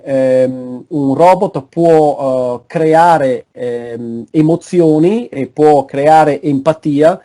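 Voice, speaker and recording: Mellow-voiced man lecturing haltingly. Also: fairly high pitch. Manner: halting, frequent searching for words. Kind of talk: online academic lecture. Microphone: video call.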